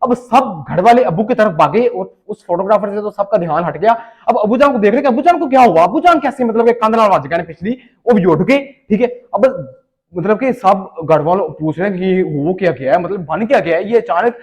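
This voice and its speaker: A man with a Punjabi accent telling a funny story in a casual, animated way, switching into Punjabi for the quoted lines. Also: high-pitched, fairly quick. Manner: animated, switches between Urdu narration and Punjabi quoted dialogue. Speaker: comic storyteller.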